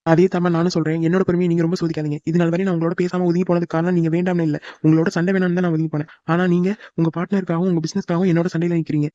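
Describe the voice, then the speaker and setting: A man's voice: on the high side, level tone, racing, few pauses, mellow, no room sound, highs cut off, lightly acted. A man voicing a stubborn young son who argues with his father in a cartoon, in a heated way. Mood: defiant.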